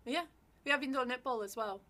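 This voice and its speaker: A woman's voice: high-pitched, quick pace, bright, forceful tone. A woman co-hosting a casual chat, playful and teasing. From Australia. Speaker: podcast co-host.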